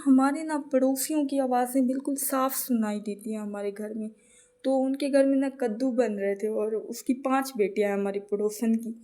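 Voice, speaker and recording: A woman telling funny everyday stories as a casual vlog voice-over, chatty and lively when she acts out others. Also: high voice. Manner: chatty, animated when acting out the children. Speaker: vlogger.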